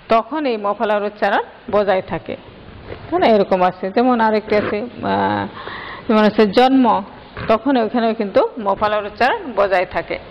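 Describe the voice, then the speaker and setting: A woman's voice: mid-range voice, slight background noise. A woman teacher explaining grammar step by step and putting questions to her students. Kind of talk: grammar lesson. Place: classroom. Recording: dull lo-fi sound with long hall reverb.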